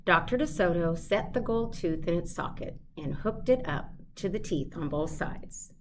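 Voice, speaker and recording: A woman giving an expressive read-aloud of a children's storybook. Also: lowish voice, moderate pace, a little hiss or hum.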